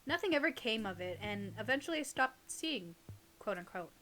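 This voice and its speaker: She speaks at a moderate pace with a fairly high, expressive voice and a fairly bright tone. Co-hosting and reading online horror stories casually, she chats and teases her partner playfully.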